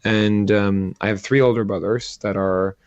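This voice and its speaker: A low, gravelly middle-aged man talks casually as an interview guest, halting and circling back on himself. The sound is dry and a little dull, like a lo-fi remote call. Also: steady tone, darkish tone, dry recording. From Sweden. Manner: halting, restarts often, many "like" fillers. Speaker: guest entrepreneur.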